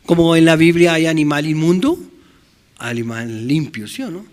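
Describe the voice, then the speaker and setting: Bolivian pastor preaching, keeps asking the church questions, fairly high voice. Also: male voice, expressive, normal speed, a little mellow. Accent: Bolivian Spanish. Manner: asks the congregation questions, repeats "amen, brothers". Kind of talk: sermon.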